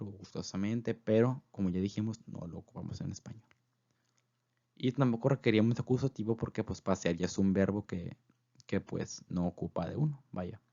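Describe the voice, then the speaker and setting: Low-voiced man teaching German slowly. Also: dark tone, dull audio. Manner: slow, careful repetition of example phrases; filler "pues" between phrases. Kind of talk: voice-over language lesson.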